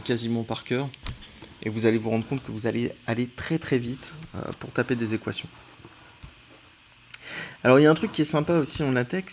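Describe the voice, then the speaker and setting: A man from France walks through a coding lesson at his screen, thinking aloud and often pausing on "euh". His voice sits in a middle range, and audible background noise plus keyboard clicks run under the recording. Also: medium pitch. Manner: relaxed, thinking aloud while typing, frequent "euh". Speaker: teacher.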